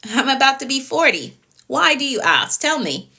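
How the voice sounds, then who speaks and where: A woman's voice: high voice, sing-song, normal speed, sharp tone. A woman in her late thirties, a productivity coach on a live stream, talking firmly and repeating herself, often ending lines with "okay?". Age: 30s. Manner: repetitive, firm, tags lines with okay.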